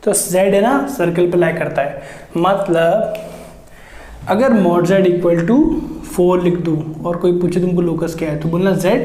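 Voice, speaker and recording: A man's voice: high voice, slow pace, a little mellow, echoey room, a little hiss or hum. A man teaching a maths lecture for exam prep, explaining step by step, asking students rhetorical questions and mixing in English terms. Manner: addresses students as children, mixes in English terms.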